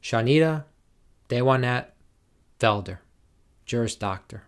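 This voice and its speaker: A man formally reading out graduates' names and degrees at a commencement, in a slow, measured, deliberate way. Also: mid-range voice, lively intonation. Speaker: commencement name reader.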